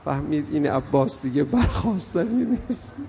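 Gravelly older man preaching in a hall. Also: on the high side, lively intonation, dark tone. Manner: storytelling, swells and drops in intensity. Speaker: preacher reciting mourning elegy. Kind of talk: emotional mourning sermon. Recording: long hall reverb, faint background noise.

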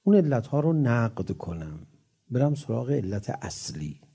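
A man preaching a religious sermon who chants scripture verses slowly, then explains them in lively, storytelling speech with rising emphatic peaks. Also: mid-range voice, slightly rough.

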